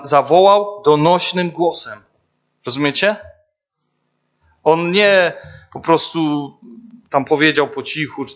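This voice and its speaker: A man's voice: mid-range voice, fairly bright tone. A young man giving an informal sermon, searching for words with many fillers and restarts, often turning to the listeners. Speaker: preacher.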